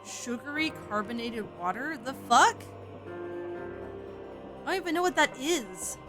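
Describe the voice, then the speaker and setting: With music in the background, a high-voiced woman from the South streams a game, her measured speech chatty, animated and full of curses. She has a light Southern accent.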